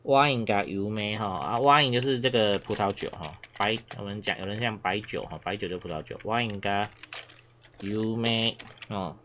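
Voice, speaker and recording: A man's voice: fairly low pitch, fast, hardly any pauses, fairly bright tone, a little hiss or hum. A man from Taiwan, teaching a casual Japanese lesson. He is chatty, repeats himself, uses many filler sounds and coughs now and then.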